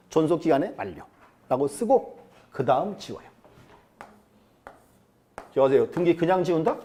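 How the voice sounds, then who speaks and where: A man's voice: fairly high pitch, mellow. A male lecturer teaching a class in a chatty way, quizzing students and acting out quotes. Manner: chatty, asks the class questions and acts out quotes. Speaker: real estate law lecturer.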